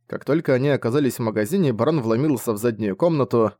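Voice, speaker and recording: A man narrating an audiobook in a steady, even reading voice. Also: medium pitch, fast, no room sound, clean studio sound.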